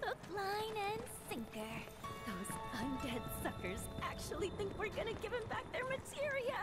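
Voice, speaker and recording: A woman's voice: very high voice, very animated, moderate pace, over loud music. An actress playing a cocky young female thief who talks brashly and impatiently. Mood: smug. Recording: game audio over loud score.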